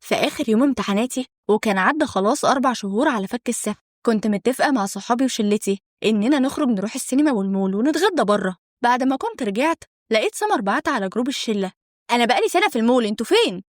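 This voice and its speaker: Young woman, Egyptian accent, story narration, fast-paced, fairly high voice, dry close sound. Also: animated, no echo. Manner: conversational, dramatic telling. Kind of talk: first-person story narration.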